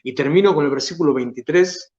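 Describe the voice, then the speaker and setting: A pastor with an Argentine Spanish accent preaching a sermon, stretching key phrases for emphasis and then dropping to soft, low asides. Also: male voice, a little fast, roomy sound, highs cut off.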